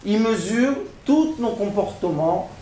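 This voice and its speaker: A man giving a sermon, animated, acting out everyday scenes and asking the audience questions. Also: sits high, slow pace. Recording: echoey room.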